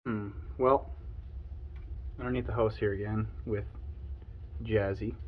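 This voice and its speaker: A man's voice: fairly low pitch, steady tone, unhurried, phone-quality sound, a little hiss or hum. A young man hosting a casual vlog, talking his way through building work on his home in a chatty, explaining way.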